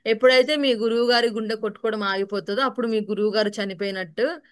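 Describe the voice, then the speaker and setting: A woman's voice: a little high, steady tone, fast, no room sound, clean studio sound, lightly acted. A woman voicing a sly male stranger who teases a fool with mock-solemn pronouncements in a told folk tale. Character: sly, mocking male stranger posing as astrologer.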